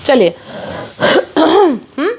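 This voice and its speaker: A woman hosting a live saree sale, urging viewers to book fast in quick, pushy patter mixed with English. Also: high voice, sing-song, darkish tone. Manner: rapid, pushy sales patter, mixing English in. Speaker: online saree seller. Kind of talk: live sales stream.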